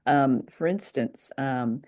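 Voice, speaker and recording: With an extremely low, dark voice and a slow pace, a Canadian woman co-hosting a podcast talks through a review, keeping the discussion thoughtful and conversational.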